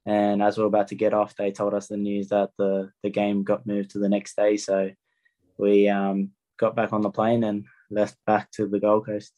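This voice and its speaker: A man's voice: on the low side, monotone, normal speed, mellow. A young man with an Australian accent, a rugby player giving plain, understated answers in a casual interview. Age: young adult.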